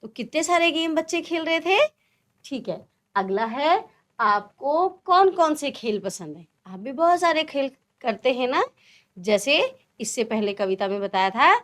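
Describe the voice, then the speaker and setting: A woman teaching a first-grade language lesson, drawing out single words slowly in a sing-song way for young children. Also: high voice, fairly bright tone. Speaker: primary school teacher.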